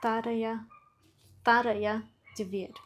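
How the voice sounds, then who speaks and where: A book vlogger with a slightly high voice talks informally about her language studies in a study vlog, against a noisy background. Her delivery is flat and slow, and she chats self-deprecatingly, thinking aloud as she works through her exercises.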